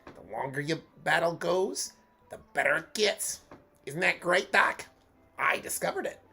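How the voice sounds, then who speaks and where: A man's voice: a little high, lively intonation, measured pace, gravelly, pushed and bright, husky, faint music behind, full character voice. A congested man voicing a boy gym leader in a cartoon rabbit drawl from a video game, calling the player "Doc". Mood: smug, cheery. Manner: Bugs Bunny-style cartoon voice, calls everyone Doc.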